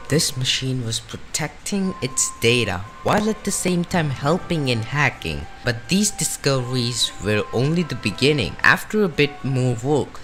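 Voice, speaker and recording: A man's voice: mid-range voice, a bit bright. A man narrating scripted game lore in a dramatic way, with rising and falling emphasis. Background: music.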